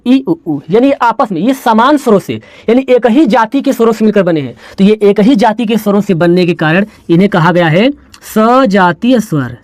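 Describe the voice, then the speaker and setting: Teaching Hindi at the board, a man with a high, darkish voice asks questions and supplies the answers himself, call-and-response style. He spins playful stories about letters, and the recording is dry.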